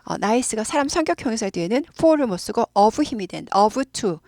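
A woman's voice: a little high, animated, a little slow, a little mellow, no echo, studio quality. A woman teaching English grammar in Korean, explaining patiently and repeating phrases again and again for students to copy. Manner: patient, repeats words many times for practice. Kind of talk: explaining grammar and leading repeat-after-me drills.

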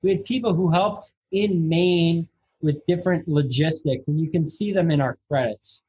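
Husky-voiced earnest filmmaker man. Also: fairly high pitch, normal speed, mellow. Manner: earnest, repeats words when starting phrases. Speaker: filmmaker guest. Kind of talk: casual interview talk. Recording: muffled lo-fi call audio.

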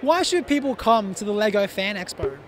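A man's voice: high-pitched, big pitch swings, normal speed, slight background noise. A young man, presenting cheerfully on location at an expo with a handheld mic. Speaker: event show presenter. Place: outdoor and indoor expo hall, crowd around.

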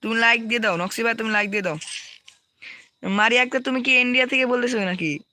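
A man's voice: very high voice, fast talker, pushed and bright, no room sound. A young man with a Bangladeshi Bengali accent, hosting a live gaming stream, reading out viewer names and repeating team codes.

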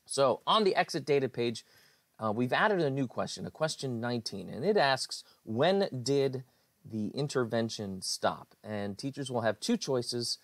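A man's voice: medium pitch, animated, unhurried, dry recording. Man walking through a screencast, dry sound. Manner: plain explanatory, with fillers. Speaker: IT director presenting website updates. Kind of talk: screencast walkthrough.

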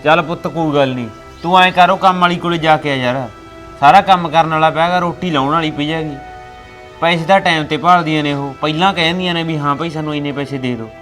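A man playing an older father who gives slow, fatherly advice, with a rural Punjabi accent. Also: on the high side, a bit bright, faint music behind, natural voice. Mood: weary. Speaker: father of a grown son. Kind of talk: family web drama acting.

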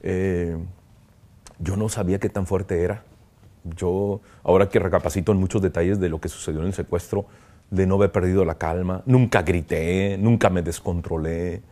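Low, mellow-voiced priest. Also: male voice, steady tone. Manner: earnest, halting, reflective, with frequent "¿no?". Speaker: priest, kidnapping survivor interviewee. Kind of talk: emotional interview testimony.

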